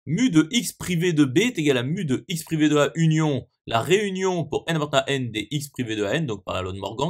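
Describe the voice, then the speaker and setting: Formal man reciting a maths lesson. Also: fairly high pitch. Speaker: maths lecturer. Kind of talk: scripted mathematical proof narration.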